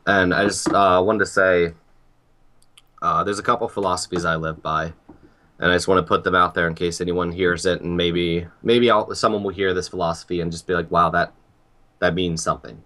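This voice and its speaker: Very low-voiced calm young man. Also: fairly quick. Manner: calm, earnest, reflective. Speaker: guest. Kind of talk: casual chat.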